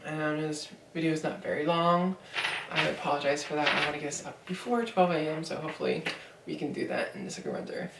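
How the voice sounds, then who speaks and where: A woman's voice: sits low, sing-song, fast, distant mic, very noisy. A young woman in her twenties telling a story in a casual vlog, rambling with lots of fillers. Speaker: vlogger. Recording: echoey room, voice from off mic.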